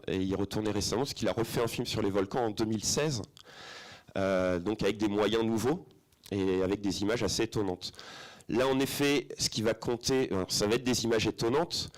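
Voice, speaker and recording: Chatty middle-aged man in a cinema. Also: fairly low pitch. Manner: chatty, hesitant with many fillers, asks the audience questions. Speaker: film educator presenting to students. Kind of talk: informal presentation to a school audience. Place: cinema auditorium.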